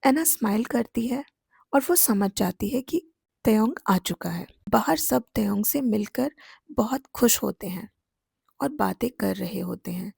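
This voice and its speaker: A woman narrates a romantic fan fiction story in a calm, steady way. Her voice sits fairly high with a husky, gravelly texture. The recording is dry and close. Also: unhurried, dry recording.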